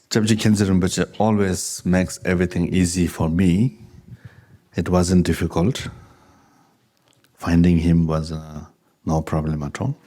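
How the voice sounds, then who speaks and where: A Buddhist teacher whose first language is Tibetan gives a dharma talk with questions and answers, speaking with an accent in a low, mellow voice. He is unhurried and conversational, chuckling as he tells anecdotes.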